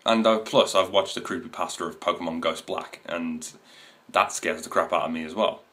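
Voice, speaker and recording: Casting: twenties male vlogger, low voice, loose, meandering chat to camera. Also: normal speed, fairly bright tone. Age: 20s. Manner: rambling, many fillers and restarts. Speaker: video host. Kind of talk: casual to-camera talk. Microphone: camera mic.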